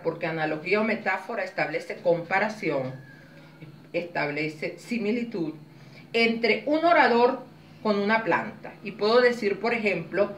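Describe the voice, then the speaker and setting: A woman instructor leads a public speaking workshop in an expressive, demonstrative way. Her voice sits at a moderate pitch and is heard from some distance. The room adds a noticeable echo, with faint ambience behind her. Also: a little hiss or hum. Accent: Spanish. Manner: expressive, demonstrates vowels and intonation. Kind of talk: teaching a workshop.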